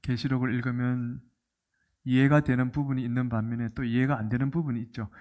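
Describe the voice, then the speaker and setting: A middle-aged man preaching a sermon as a pastor, telling the story with animation and asking the congregation questions. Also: mid-range voice. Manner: animated storytelling, asks the congregation questions and acts out quoted lines.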